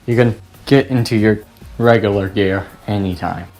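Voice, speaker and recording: A man voicing a scruffy, tired adult male teacher who speaks flatly and dryly. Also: lowish voice, moderate pace, faint music behind, natural voice.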